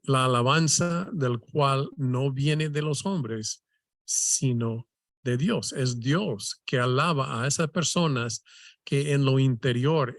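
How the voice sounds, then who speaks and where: A man leading a Bible study, teaching slowly with many restarts and questioning tags. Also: medium pitch, dry recording, studio quality. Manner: slow, halting, many restarts and "¿verdad?" tags.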